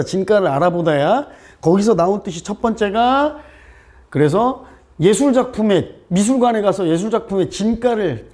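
A man's voice: high-pitched, darkish tone. A man teaching an exam-prep English lesson, firing rhetorical questions at his students, dropping English terms into his explanations and making jokey asides.

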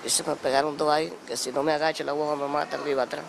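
Fast gravelly Dominican man. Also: on the high side, flat delivery, slight background noise. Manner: rapid, recounting events. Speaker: wounded witness.

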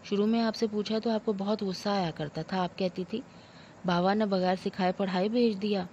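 A woman voicing a timid young daughter-in-law who pleads softly. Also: mid-range voice, steady tone, normal speed, lo-fi sound, a little hiss or hum, close to an everyday voice. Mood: pleading.

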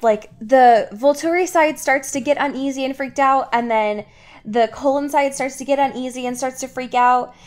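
A woman with a high-pitched voice talks at a moderate pace as a podcast host, casually recapping a book in slangy language. She retells the story and acts out reactions along the way.

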